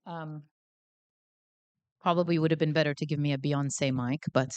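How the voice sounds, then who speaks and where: A Canadian woman gives a guest academic lecture in a hall before a live audience, holding a handheld mic. Her voice is low and clean, with fairly even intonation and a normal pace. She is chatty and self-deprecating and uses many fillers.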